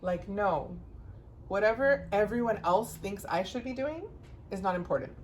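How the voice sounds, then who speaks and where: A woman hosting a podcast, talking earnestly and casually, swearing freely and growing animated. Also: mid-range voice, normal speed, a little hiss or hum, poor audio. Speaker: podcast host.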